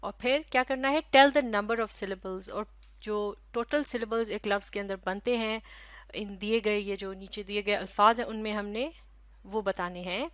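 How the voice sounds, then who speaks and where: A woman teacher giving a recorded lesson, talking slowly and patiently, breaking words into syllables and repeating them. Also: mid-range voice, fairly even intonation, a bit bright, no room sound. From Pakistan.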